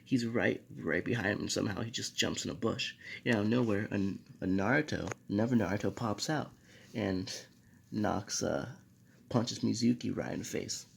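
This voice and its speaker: A young man with a low, gravelly voice casually tells a homemade fan story, stumbling over fillers and restarts as he goes. Faint noise sits behind his voice. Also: moderate pace. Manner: rambling with many fillers and restarts.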